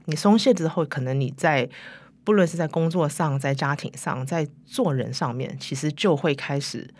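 A woman's voice: deep voice, normal speed, darkish tone. A middle-aged woman answering in an interview, her Mandarin foreign-influenced and sprinkled with English words and tags like "right". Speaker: interview guest, company chief executive. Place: recording studio.

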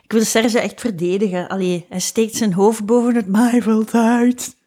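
A woman's voice: fairly high pitch, fairly even intonation, moderate pace, warm tone. A Flemish woman speaking earnestly in a casual discussion.

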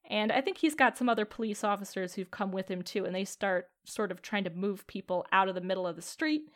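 A woman's voice: medium pitch, animated, a little fast. A woman narrating a tabletop game as game master, chatty, with many fillers.

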